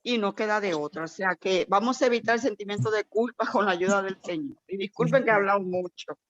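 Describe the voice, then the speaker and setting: A woman sharing an emotional testimony at a church gathering, animated and storytelling, acting out quoted voices. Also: mid-range voice, brisk, dry recording, muffled recording. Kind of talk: heartfelt testimony in a prayer meeting.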